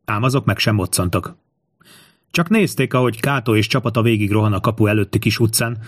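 A man narrating a historical adventure audiobook in a steady storytelling manner. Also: on the low side, no echo, clean studio sound. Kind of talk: scripted narration.

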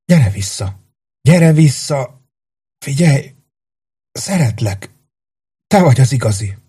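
A man doing a desperate young warrior in a storybook reading, his voice raised and raw with grief. husky and low at the root. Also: expressive, mellow. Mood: anguished. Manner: raw, anguished.

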